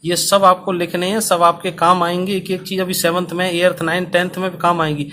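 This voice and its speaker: A male teacher explaining a Sanskrit lesson to school students, speaking slowly and deliberately so they can write along. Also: sits high, flat delivery, bright, forceful tone, slight background noise. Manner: slow, dictation-paced explanation. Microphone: recorded for online video.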